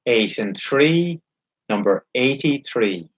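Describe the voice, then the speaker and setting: A man calling bingo, announcing each number in a measured, formulaic way, digit by digit and then in full. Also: medium pitch, expressive. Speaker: bingo caller and host. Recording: dull, lo-fi sound.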